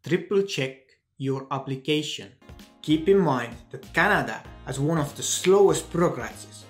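Young man with an Estonian accent. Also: fairly high pitch. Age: young adult. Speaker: video blogger giving advice. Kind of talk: scripted explainer to camera. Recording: music under the voice. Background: background music.

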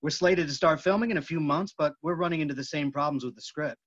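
In a staged reading over a video call from a room at home, a man plays an earnest, intense film actor pressing for the truth. His voice is fairly high, fast and a bit bright, though the call audio sounds dull and muffled.

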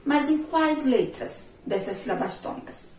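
Slow patient Brazilian teacher, echoey room. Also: female voice, sits high, animated, a little mellow, a little hiss or hum. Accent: Sergipe Brazilian Portuguese. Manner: slow, drawn-out syllables, asks pupils questions and praises answers. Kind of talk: remote classroom lesson. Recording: echoey room, voice far from mic.

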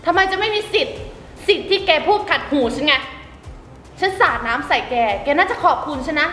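An actress playing a rude, arrogant rich woman diner who sneers and accuses in a shrill voice. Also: expressive, a little fast, sharp tone, reverberant, faint music behind. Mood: scornful. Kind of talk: short film drama acting.

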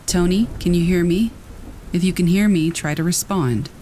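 A man's voice: high-pitched, moderate pace, mellow, slight background noise, voice pushed up, lightly acted. A man voicing an anxious doctor who asks a dying patient wary, urgent questions.

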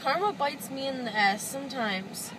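A sedated young woman, groggy and loopy after anesthesia, rambling casually in an uninhibited, childlike, excitable way in a car. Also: high voice, moderate pace. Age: young adult. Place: back seat of a car. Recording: noisy car interior.

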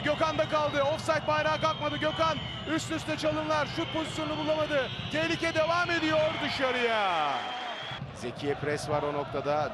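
A man giving live football commentary in excitable, urgent short phrases. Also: extremely high pitch. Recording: loud stadium crowd noise behind voice. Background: roaring stadium crowd.

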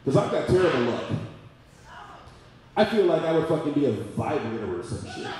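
A rowdy male stand-up comic works the crowd with a profane set, his voice pitched a little high. It comes from a very echoey room, picked up from some distance, with clear room noise behind him. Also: very animated, moderate pace, darkish tone. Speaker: stand-up comedian. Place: comedy club stage before a live audience. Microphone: handheld stage mic.

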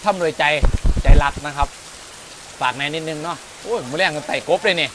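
A man with an Isan accent, vlogging a meal outdoors in the rain, loud and excitable and exclaiming often. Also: a little high, racing, a little hiss or hum. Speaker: food vlogger. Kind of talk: casual outdoor cooking vlog.

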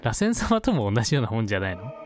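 A man's voice: medium pitch, wildly swooping pitch, rapid-fire, noisy background. A man giving casual let's play commentary, chatty with laughing asides. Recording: game music in background.

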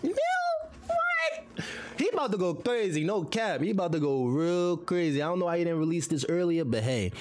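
A man's voice: fairly high pitch, expressive, quick pace, few pauses, a little mellow. A man hosting a reaction video, hyping it up in slangy casual chat and urging viewers to subscribe. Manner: slangy, hype-building, pleads for subscribers.

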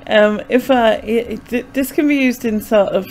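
In a small bedroom, a young North East England woman with a Mackem accent from Sunderland vlogs, chatting in a casual, hesitant, rambling way as she explains things. Her fairly high, darkish voice moves at a moderate pace. The rough recording, made close on a desk microphone with a pop filter, carries a little hiss or hum.

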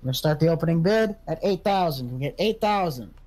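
A man's voice: on the high side, expressive, quick pace, a little mellow. A man playing a farm equipment auctioneer in a casual video game role-play, calling for bids and repeating prices. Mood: selling briskly.

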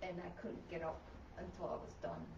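A woman's voice: deep voice, very animated, brisk, a little mellow, slight background noise. A woman sharing a personal testimony in a church group, earnest and emphatic. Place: meeting room with folding chairs. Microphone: far camera. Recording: echoey room, distant and dull.

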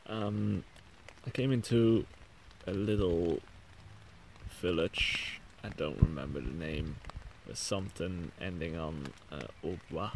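Inside a small tent, a young adult hiker vlogger with a Belgian accent recaps his hike to a handheld camera held at arm's length, talking in a casual, low-key, halting way. The small-camera recording is clearly noisy.

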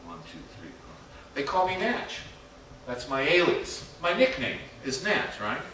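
Guy teaching music theory to a class, chatty, keeps asking right?, bright voice, super echoey room, mic way off. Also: medium pitch, huge pitch swings, a little slow, recorded from a distance, slight background noise. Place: classroom workshop with students.

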